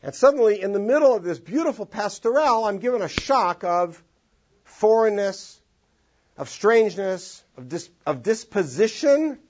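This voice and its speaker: A high-voiced man from Los Angeles moves at a moderate pace through a classroom text study. He grows animated and sings out phrases in long, drawn-out tones, on a dull lo-fi recording.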